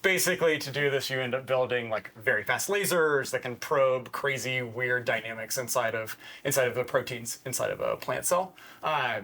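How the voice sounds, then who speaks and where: A man with a mid-range voice explains technical work in a calm, clear way. He speaks conversationally in an interview, laying out ideas step by step. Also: medium pitch, moderate pace, hardly any pauses. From Denver, Colorado. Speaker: cofounder and CSO. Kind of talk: casual interview talk.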